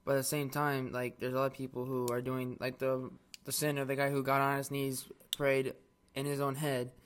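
Thoughtful man, plain even voice. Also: medium pitch, brisk, clear, resonant tone. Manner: thoughtful, filler-heavy. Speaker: co-host of a Bible talk. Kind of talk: casual faith discussion.

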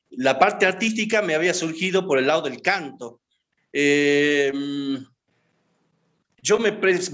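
Interviewed as a guest in his home, a man in his fifties reminisces and answers questions in a rambling way, with many hesitations and fillers. His voice is on the high side and a bit bright.

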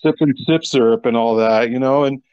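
A man's voice: medium pitch, brisk, clear, resonant tone, no echo, highs cut off. A man co-hosting a casual sports podcast, making sarcastic points with rhetorical questions. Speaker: podcast co-host.

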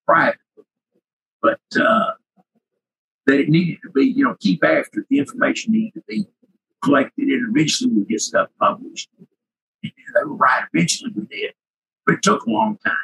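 An older man with a cracking, husky voice and sinus trouble, reminiscing casually and haltingly as an interview guest. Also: sits high, big pitch swings, pushed and bright, low-quality recording. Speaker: interview guest, retired researcher.

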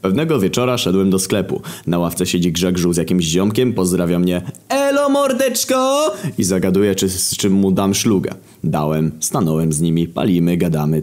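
Deep-voiced man telling a slangy story. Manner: slangy, swearing, deadpan. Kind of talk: casual comic storytelling.

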